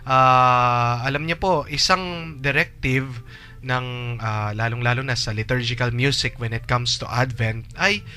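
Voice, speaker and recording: Bright-voiced man explaining in easy chat. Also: medium pitch, fairly even intonation, measured pace. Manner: explains patiently, tags lines with 'no?'; acts out shouted lines for comic effect.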